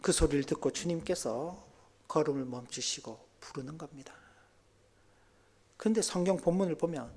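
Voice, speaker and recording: A male pastor preaching a sermon, dropping to near-whispers and then rising to loud, exclaiming passages. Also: a little high, moderate pace, long pauses, slightly rough.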